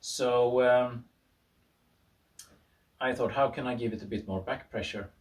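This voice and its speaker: A man with a medium-pitched, fairly even voice speaks a little slowly as he presents his own garage experiment in an informal explanatory video. He thinks aloud hesitantly with an amused, self-deprecating air, and his voice sounds far from the mic.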